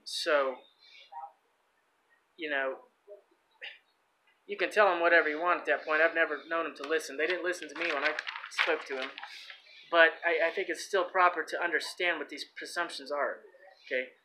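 Bright-voiced man reading and explaining, halting. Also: fairly high pitch, slight background noise, low-quality recording. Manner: halting, many fillers and restarts while explaining. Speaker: host. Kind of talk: reading aloud and commenting.

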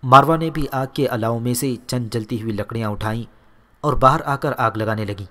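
A man reading a historical novel aloud as an audiobook narrator, measured and steady. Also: mid-range voice. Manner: measured storytelling. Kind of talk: scripted narration.

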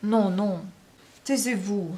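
A woman's voice: medium pitch, slow pace, mellow, lightly acted. A woman reading aloud as a lonely, tearful wife of good society who pleads and laments in an imploring way. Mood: plaintive. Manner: plaintive, imploring.

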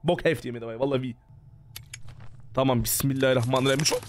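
A man's voice: mid-range voice, steady tone, fast talker, a little hiss or hum. A man giving panicky, jumpy let's play commentary on a horror game, full of sworn exclamations. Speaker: gaming streamer.

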